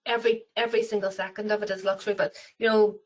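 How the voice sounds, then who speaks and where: A woman's voice: mid-range voice, level tone, quick pace, darkish tone, low-quality recording. A woman with an Irish accent, talking about cruises in a webinar interview, rambling with many fillers and restarts. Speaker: travel company representative.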